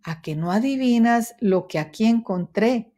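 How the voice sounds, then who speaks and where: Storybook dog, woman doing it: big, calm, kindly, slow. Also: fairly high pitch. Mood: eager. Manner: calm, suggesting tone. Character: big friendly male dog, calm and thoughtful. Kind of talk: children's storybook reading.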